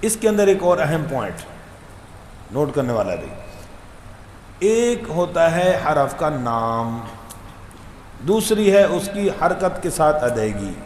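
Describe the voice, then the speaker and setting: A fairly high-voiced man teaches Quran recitation, chanting each letter sound slowly in a sing-song drill and firing questions at his listeners. He has a Pakistani Urdu accent. His voice rings in an echoey room over a faint hum of background noise. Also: big pitch swings.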